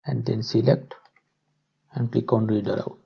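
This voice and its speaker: The narrator, a man, guides listeners through a software tutorial in halting steps, his medium-pitched voice steady in tone but creaky and slightly rough. His microphone gives a dull, muffled sound.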